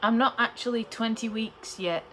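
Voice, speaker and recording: A woman's voice: fairly high pitch, moderate pace, sharp tone, slight background noise, rough recording. A young woman chatting casually to camera in a rambling, storytelling way. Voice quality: cannot pronounce P in the middle of words. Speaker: pregnancy vlogger.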